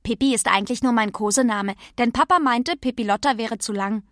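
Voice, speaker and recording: A woman voicing a bold, cheeky little girl who talks loud and lively. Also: a little high, brisk, no echo, clean studio sound, lightly acted.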